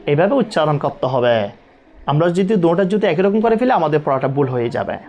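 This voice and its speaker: A man teaching Quran recitation, drilling letter sounds slowly and repeating each one many times. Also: fairly high pitch, animated, a little mellow.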